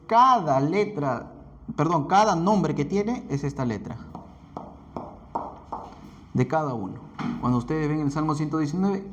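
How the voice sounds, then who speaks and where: A man with a Peruvian Spanish accent is lecturing a classroom, his voice sitting slightly high. He speaks loosely, repeating points and correcting himself with fillers as he goes. The recording is muffled and lo-fi. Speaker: Bible institute teacher.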